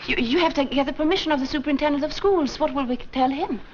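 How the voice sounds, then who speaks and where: Woman as a prim nun, higher voice, brisk and correct, dull old film sound. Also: faint music behind, natural voice. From Sweden, raised in Minnesota. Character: proper, dutiful female nun running a school. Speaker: nun, school head. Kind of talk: 1940s film acting. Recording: dull, slightly hissy 1940s film soundtrack.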